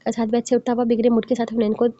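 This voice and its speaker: Woman, novel narration, rapid, even, slightly high, dry close audio. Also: no echo. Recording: dull, dry close recording.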